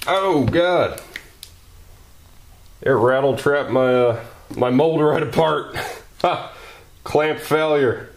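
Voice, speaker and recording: A maker channel host chats and jokes casually while working in his garage workshop, exclaiming and thinking aloud. His voice is fairly high, and he speaks slowly with frequent pauses.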